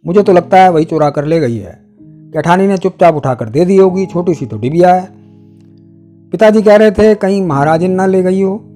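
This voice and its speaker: A man reading aloud voices a suspicious elder sister in a spoken story, insistent and sure of herself. His voice is lifted and a little louder for her, with faint guitar underneath. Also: high voice, moderate pace, lightly acted. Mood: accusing.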